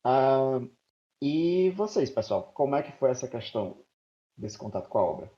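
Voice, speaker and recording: This podcast host is a man in his thirties from Maranhão, Brazil, with a warm, medium-pitched voice that swings widely in pitch at a moderate pace. He leads a casual group podcast in a playful, talkative way. The recording is dull and lo-fi.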